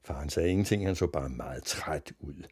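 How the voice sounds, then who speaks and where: A man reading a children's story aloud in an expressive narrating voice. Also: rumbling low, husky.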